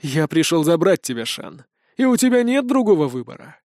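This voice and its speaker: A scheming male villain who talks in a cold, measured tone, voiced by a male narrator. His voice is on the high side and recorded close and dry. He sounds like a storybook villain. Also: very animated, darkish tone, no room sound.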